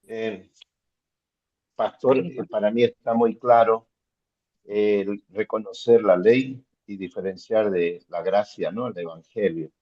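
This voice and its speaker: A man, a student in a Bible class, answering the pastor haltingly with many fillers. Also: lowish voice, fairly even intonation, muffled recording.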